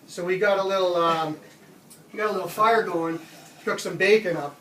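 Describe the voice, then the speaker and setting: A middle-aged man from Canada casually telling a funny camping story, animated and laughing often. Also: high voice, moderate pace, slight background noise. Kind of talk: casual spoken anecdote. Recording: roomy, distant mic with background ambience.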